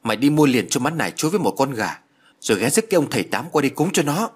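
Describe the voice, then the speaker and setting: A stern, strong-willed old village mother, as a male reader puts her on. She speaks firmly, in a husky voice that rises and falls a lot. An audiobook character voice. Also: medium pitch, big pitch swings, racing, pitched above the performer's own voice.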